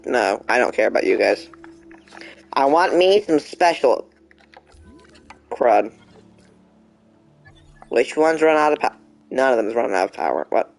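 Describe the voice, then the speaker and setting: With a creaky, mid-range voice, a young man gives casual live commentary on the game he's streaming, chatting away and answering the game in mock frustration.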